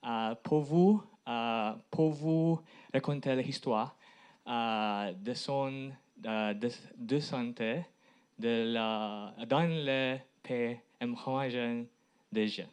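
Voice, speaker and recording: A man who is not a native French speaker gives a presentation in halting French with a foreign accent, hesitating often. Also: medium pitch, a little mellow, smooth. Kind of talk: public presentation.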